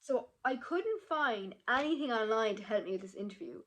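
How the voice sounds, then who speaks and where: A woman's voice: a little high, expressive, moderate pace, low-quality recording. A young woman, chatting to camera in a vlog, emotional and full of fillers. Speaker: vlogger. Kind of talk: casual chat to camera.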